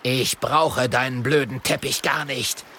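A man's voice: medium pitch, steady tone, sharp tone, slight background noise. A man doing a sneering villain wizard. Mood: angry. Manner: gruff, sneering, slow and menacing. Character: grumpy scheming male wizard villain.

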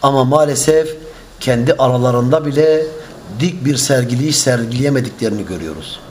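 A man preaching a religious lesson, measured and emphatic, stretching out key phrases. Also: mid-range voice, slight background noise. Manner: quick chanted Arabic opening.

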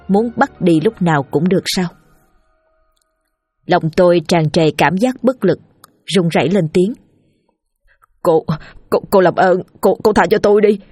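A woman narrating a scripted horror story in a steady, tense storytelling manner. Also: fairly low pitch, slightly rough. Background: faint music.

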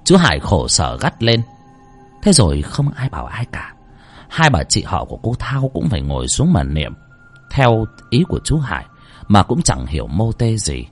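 A low, slightly husky male voice tells a scripted horror story with lively, rising and falling delivery. Faint music plays underneath. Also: normal speed. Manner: dramatic storytelling. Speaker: narrator.

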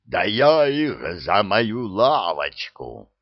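Brief: hulking grumbling brute, low and slow, voiced by a male narrator. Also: sing-song, gravelly, no echo, highs cut off, exaggerated voice. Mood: roaring. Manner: grumbling, blunt. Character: gruff hulking male giant henchman.

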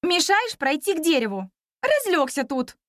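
A woman voicing a bold, quick-witted young girl heroine in a storybook reading, with a high, bossy, lively voice. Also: no room sound, clean studio sound.

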